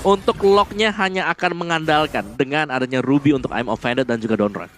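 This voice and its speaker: A man's voice: on the high side, fairly quick. A man with an Indonesian accent giving analytical commentary on an esports match. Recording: noisy live broadcast commentary.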